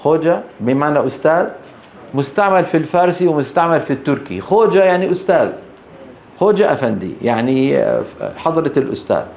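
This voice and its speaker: A male teacher speaks, his voice sitting a bit higher than most men's. He lectures a class on recitation rules, stretching out each example word slowly and pausing often to check that the students are following. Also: expressive, gravelly, a little mellow, slight background noise.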